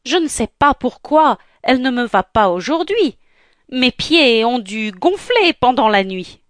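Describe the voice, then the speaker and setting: A woman puts on a vain, squabbling stepsister who whines every word. The pitch jumps far above her reading voice and the words drag out. Loud and insistent. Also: expressive, dry recording, clean studio sound. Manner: shrill, insistent, drawn-out.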